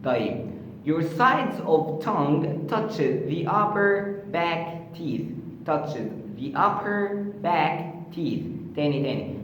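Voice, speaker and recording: A man with an Egyptian accent teaching English pronunciation in a casual lesson, repeating words slowly for drills and making playful asides. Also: a little high, dull audio, a little hiss or hum. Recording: very echoey room with long reverb.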